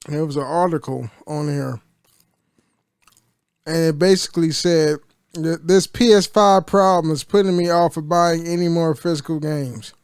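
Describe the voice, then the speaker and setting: A man's voice: on the high side, fairly even intonation, normal speed, a little mellow, clear, resonant tone, dry recording, clean studio sound. A man from the United States in a casual gaming vlog, rambling through an article at his desk with many restarts and fillers. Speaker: gaming vlogger. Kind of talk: casual chat, reading an article aloud.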